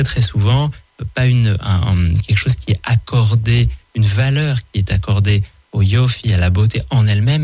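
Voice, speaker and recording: A man's voice: medium pitch, darkish tone, dry recording. A man giving a daily Hebrew word column on the radio, explaining casually with many hesitations and restarts. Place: radio studio.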